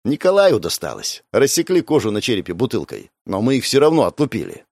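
A man's voice: medium pitch, wildly swooping pitch, a little fast, creaky, a little mellow, dry recording, exaggerated voice. A man voicing a practical, weary male ship captain who speaks in a plain, matter-of-fact way.

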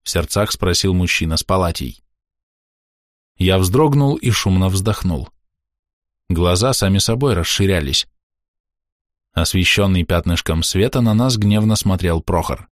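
A man narrating a first-person novel as an audiobook reader, in steady storytelling. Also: low voice, no room sound, clean studio sound.

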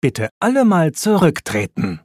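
Ein Mann spricht eine flinke Agentenautofrau Holly. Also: male voice, on the high side, wildly swooping pitch, a little slow, darkish tone, no echo, studio quality, pitched above the performer's own voice, full character voice. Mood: determined. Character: clever brave female spy car. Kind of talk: storybook reading.

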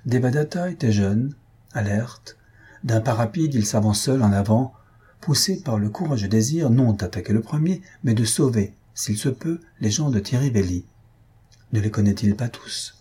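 A man reading a French short story aloud as narrator, measured and dramatic, lifting his voice for the characters' shouts. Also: medium pitch, expressive, breathy edge. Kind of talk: scripted audiobook reading.

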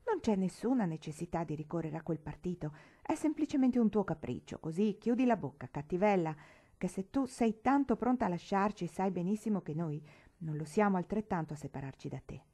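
A woman voicing a gentle, practical mother who reasons calmly with her daughters in a read-aloud novel. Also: on the low side, fairly quick, breathy edge. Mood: calm reasoning. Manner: calm, reasoning.

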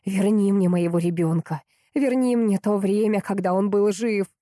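A woman voicing a desperate young mother who pleads in a trembling voice that rises to shrill cries. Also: normal speed, dark tone, no echo, clean studio sound, lightly acted.

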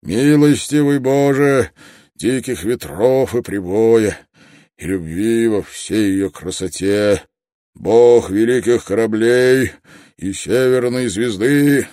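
A man reading an audiobook, voicing an older male preacher who prays in a slow, solemn, fervent voice. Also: mid-range voice, warm tone, dry recording, studio quality, pitched above the performer's own voice, lightly acted.

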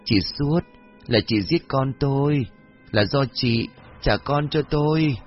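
A man's voice: mid-range voice, takes it slowly, pitched above the performer's own voice, lightly acted. A man voicing a deranged young mother who coos to an empty blanket, in an eerie sing-song way. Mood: manic accusing. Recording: dull lo-fi audio with faint music.

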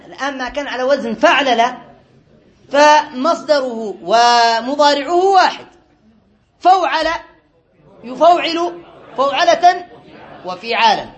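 A man's voice: extremely high pitch, a bit bright, dull audio. A man teaching a class, going over quiz answers patiently and asking often whether everyone follows, with a light touch. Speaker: teacher of Arabic grammar. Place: classroom with a board.

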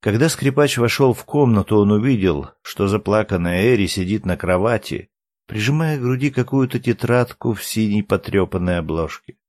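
A man narrating a novel as an audiobook in an even, measured reading. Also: fairly low pitch, no room sound. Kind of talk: scripted narration.

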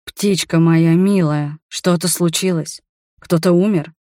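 A woman voicing a gentle, shy wanderer man who talks softly and tenderly to his beloved in an audiobook. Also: a little high, steady tone, a little slow, no echo, studio quality, close to an everyday voice. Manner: soft, tender and reassuring. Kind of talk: audiobook character voice.

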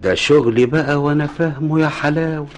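An actor with an Egyptian accent playing a sly, confident schemer with a smug, streetwise manner in a radio drama. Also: male voice, on the high side, steady tone, quick pace, natural voice. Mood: smug, scheming. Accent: Egyptian Arabic.

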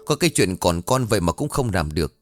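A man voicing a bossy, spiteful old mother-in-law who shouts and hisses insults at her daughter-in-law. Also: sits low, very animated, quick pace, soft background music. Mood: scolding. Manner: harsh, shouting, hissing insults.

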